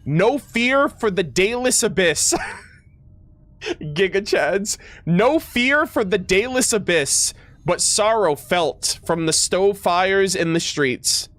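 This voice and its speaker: Here a man speaks slowly in a high voice with lively intonation and a fairly bright tone, with no echo. He's a streamer reacting to a video game, offering casual, excited, slang-filled commentary while often tripping over words and reading the game's text out loud.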